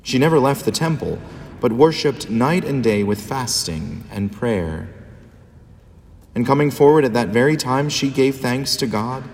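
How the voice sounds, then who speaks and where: A man, a priest, reading the Gospel and preaching a homily in a measured, solemn liturgical manner, his voice ringing with cathedral echo. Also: medium pitch, lively intonation, vocal fry, darkish tone. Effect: cathedral echo, long church reverb. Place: large church. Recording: long reverb in a large church.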